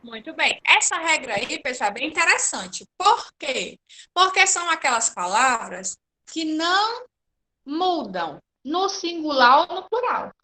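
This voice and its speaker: Bright, high-voiced woman teacher. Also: very animated, measured pace. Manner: patient, explains step by step with frequent checks. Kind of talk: online class lesson.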